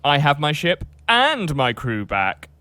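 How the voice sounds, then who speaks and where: A man voicing a cheerful, naive gentleman pirate captain who talks eagerly and stammers, with music behind. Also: on the high side, huge pitch swings, measured pace, exaggerated voice. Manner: eager and hesitant, with stammering fillers. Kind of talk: comedic history video voice acting. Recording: music in the background.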